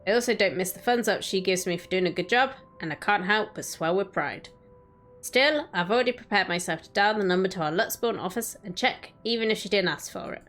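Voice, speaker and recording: Woman streamer narrating a story out loud, middle pitch, soft music behind her. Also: a little fast. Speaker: streamer reading a story aloud. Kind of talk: dramatic story narration with casual chat asides. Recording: background music under the voice. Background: quiet music.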